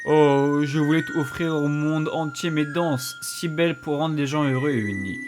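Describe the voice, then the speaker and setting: A man voicing the ghost of a dancer, lamenting in a slow, poetic, theatrical way. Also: fairly high pitch, noisy background, pitched above the performer's own voice, natural voice. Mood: mournful.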